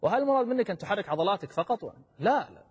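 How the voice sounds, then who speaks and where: A man's voice: high-pitched, lively intonation, very fast, husky, in a large hall. A man giving a religious lesson, asking questions and answering them himself as he demonstrates. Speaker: Islamic teacher.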